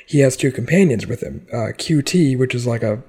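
A man's voice: medium pitch, a little fast, a little mellow, breathy edge. Chatty male podcast co-host. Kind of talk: casual chat.

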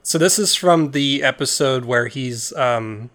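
A man's voice: medium pitch, unhurried, a bit bright. A man hosting a podcast in casual chat, talking loosely with frequent restarts. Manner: loose, rambling, stumbles and restarts. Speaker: podcast host.

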